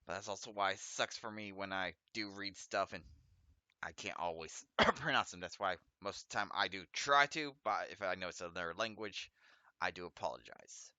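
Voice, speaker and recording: A man with a slight lisp and a bright, forceful voice chats his way through a game, reading its lines aloud. His S and R sounds come out a little off, and he trips over foreign words and corrects himself. The recording is dry and close, with no room sound. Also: deep voice, normal speed, smooth, dry recording. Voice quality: speech impediment, trouble with S and R sounds, a slight lisp. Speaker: let's play host. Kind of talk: casual gameplay commentary, reading game text aloud.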